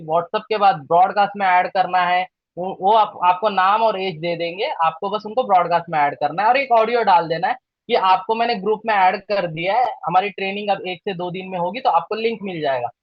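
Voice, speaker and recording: A man leads a live training session, speaking directly and checking in often with his listeners. His voice sits high for a man. The sound is dry and slightly dull. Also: no room sound. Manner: direct, coaching, repeats "ठीक है?". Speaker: digital marketing trainer.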